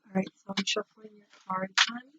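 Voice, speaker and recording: A soft-spoken woman with a husky voice gives a casual, unhurried spiritual tarot reading in an echoing bathroom. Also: medium pitch, fairly even intonation, very noisy. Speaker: tarot card reader. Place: indoors, in an echoing home bathroom. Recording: dull, echoing bathroom sound.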